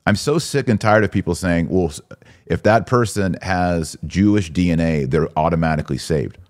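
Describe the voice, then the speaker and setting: Speaking at normal speed, this male podcast host has a low, darkish voice. His religious discussion comes across as emphatic exhortation peppered with rhetorical questions.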